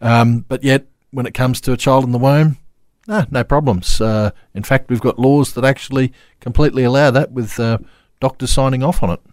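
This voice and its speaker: A man's voice: medium pitch, normal speed, a little mellow, dry recording, studio quality. A man with an Australian accent giving conversational commentary as a radio co-host.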